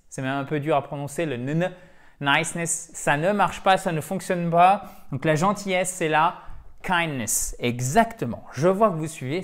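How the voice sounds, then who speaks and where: This is an online English teacher with an animated, emphatic delivery, at an ordinary mid pitch. The teacher talks straight to the viewers in a conversational way and repeats words to drill their pronunciation. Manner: addresses viewers directly, conversational. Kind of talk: online language lesson.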